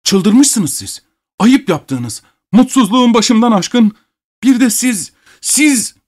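A man voicing a hot-tempered rich nobleman who yells in a shrill voice. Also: lively intonation, normal speed, lightly acted. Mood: outraged. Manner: shouting, outraged.

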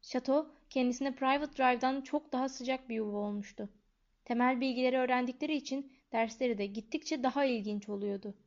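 A woman narrating a storybook in a calm, even reading voice. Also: high voice, fairly quick. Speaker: audiobook narrator. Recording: dull lo-fi recording.

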